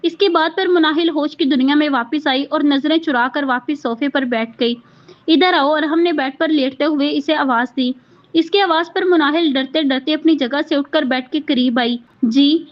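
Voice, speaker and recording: Woman reading a romance novel out loud, high voice, kinda muffled lo-fi audio. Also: moderate pace. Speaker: novel narrator.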